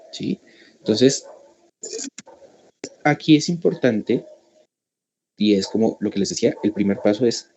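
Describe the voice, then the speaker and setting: A man's voice: on the low side, darkish tone, a little hiss or hum. A man with a Colombian Spanish accent giving a workshop talk to parents, explaining step by step and often checking in with "¿cierto?" and "¿sí?". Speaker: school family workshop speaker.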